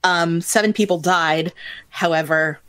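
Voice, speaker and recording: A woman's voice: on the low side, a little slow, fairly bright tone, dry recording. A woman co-hosting a radio show, setting out facts in a matter-of-fact way. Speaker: radio co-host. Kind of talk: on-air fact-checking.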